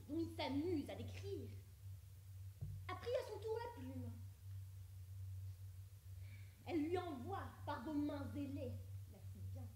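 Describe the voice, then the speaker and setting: An actress plays an exasperated wife in a stage comedy, high-pitched and sardonic. Her scornful lines land emphatically in an echoey room with faint noise behind. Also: a little mellow.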